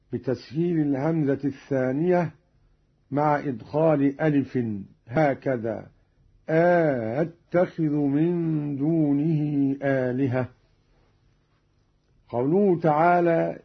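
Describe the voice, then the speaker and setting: A man teaches the variant readings of scripture, speaking slowly and deliberately in a husky, slightly raised voice. He explains each rule and then chants the verse even more slowly. The recording is dull and lo-fi. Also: on the high side. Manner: slow, measured delivery with verses chanted slower. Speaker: Quran recitation teacher. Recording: dull lo-fi audio.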